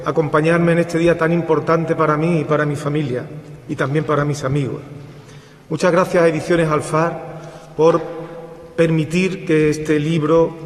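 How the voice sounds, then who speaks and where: A man from Seville, an author giving an earnest, halting speech with many restarts at a book presentation. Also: a little high. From Seville, Spain. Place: cultural centre hall. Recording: reverberant hall through PA.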